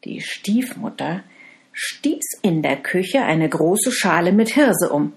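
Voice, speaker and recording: A woman telling a fairy tale in an expressive, deliberate way, addressing her listeners. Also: on the low side, creaky. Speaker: storyteller.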